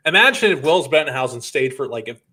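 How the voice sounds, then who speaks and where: A man's voice: mid-range voice, expressive, quick pace, pushed and bright, slightly rough. Teasing man talking football. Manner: conversational, teasing. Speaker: podcast co-host. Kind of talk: casual sports talk.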